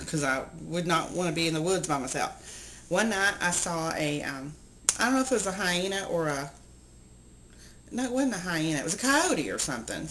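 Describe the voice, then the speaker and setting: A woman's voice: low-pitched, a little hiss or hum, rough recording. A middle-aged woman talking casually to camera in a vlog, chatty and rambling, telling stories with lots of ums. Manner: chatty, rambling, animated storytelling with many ums. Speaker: vlogger.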